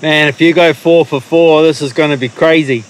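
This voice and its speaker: A vlog host with a somewhat high, steady voice chats casually at normal speed while fishing on a rocky sea coast, laughing often and cheering his mates on. Wind and waves fill the noisy outdoor camera mic.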